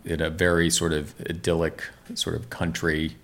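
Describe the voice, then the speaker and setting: A middle-aged American man with a very low voice tells stories easily, laughing often and leaning on fillers. He speaks as a relaxed interview guest. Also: normal speed. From Maryland, USA. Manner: chatty, laughing, many fillers. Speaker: screenwriter guest. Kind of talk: casual interview chat.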